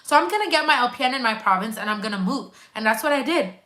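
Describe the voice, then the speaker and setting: A twenty-something nurse chats animatedly on a casual live stream from her couch at home, talking to viewers directly and reading their comments. Her voice is fairly high, expressive, fast, pushed and bright.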